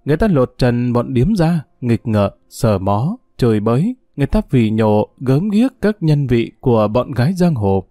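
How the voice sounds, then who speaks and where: Male audiobook narrator, warm, expressive, dry close read. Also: mid-range voice, moderate pace, few pauses, no echo.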